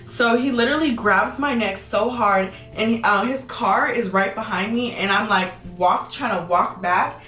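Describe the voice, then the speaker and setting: A young woman tells her own story to her viewers, quick and emphatic, often repeating words to stress them. Her voice sits back from the mic in a roomy, echoing space, at a middling pitch. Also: fairly bright tone, distant mic, faint music behind. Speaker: vlogger. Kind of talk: storytime vlog.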